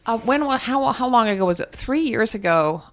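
Brisk and expressive, with a fairly high, fairly bright voice, an older woman answers as an interview guest. The conversation is candid; she's frank and thoughtful, sometimes restarting her sentences and now and then laughing.

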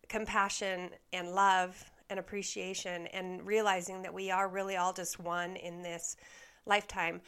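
A woman tells a personal story to the camera, candid and ready to poke fun at herself. Her voice is smooth and clear, at an everyday middle pitch. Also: a bit bright. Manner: candid and self-deprecating, laughing at herself. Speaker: vlogger. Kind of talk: storytime monologue.

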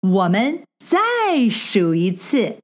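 A woman teaching young children Mandarin in an encouraging, playful kindergarten-teacher voice, repeating phrases slowly and enthusiastically to the viewer. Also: medium pitch, wildly swooping pitch. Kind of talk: children's language lesson, addressing the viewer.

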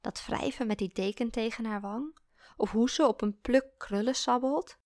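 A woman reading a story aloud in a calm, reflective way. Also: on the high side, normal speed, dry recording, clean studio sound. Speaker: narrator. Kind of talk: scripted story narration.

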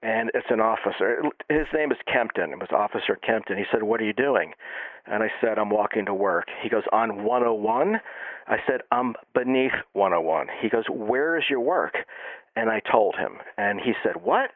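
A man telling an absurd story in a deadpan, matter-of-fact comic manner. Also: lowish voice, moderate pace, no room sound, phone-quality sound.

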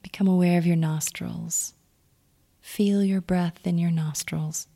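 A meditation guide leads a calm grounding exercise, her low, unhurried voice soft and nearly whispered as she offers gentle, soothing instructions.

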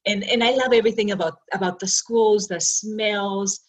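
A woman's voice: medium pitch, fairly even intonation, moderate pace. A middle-aged woman from Arizona, a school superintendent earnestly and reflectively telling her life story in an interview. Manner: earnest and reflective, with brief laughs and restarts.

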